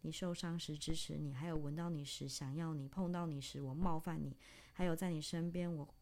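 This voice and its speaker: Low, warm-toned woman, dramatic stage reading, intense and halting. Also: steady tone. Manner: intense, halting delivery in short broken phrases; long breathless list, spoken low and soft.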